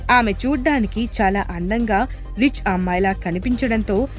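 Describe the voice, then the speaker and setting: A woman narrating a scripted audio drama in a steady storytelling manner. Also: mid-range voice, moderate pace. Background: faint music.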